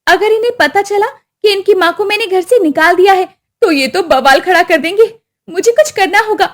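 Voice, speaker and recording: A scheming young daughter-in-law from a storybook cartoon, as a woman reader puts her on. Her voice sits high and swings widely. She talks in a sly, scolding way. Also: animated, moderate pace. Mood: sharp.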